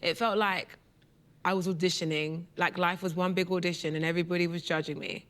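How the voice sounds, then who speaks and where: A woman's voice: on the low side, fairly quick. A woman comedian telling a self-mocking childhood story to a group, acting out her family as she goes. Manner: animated, self-mocking, acts out family voices. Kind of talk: casual storytelling in a group conversation.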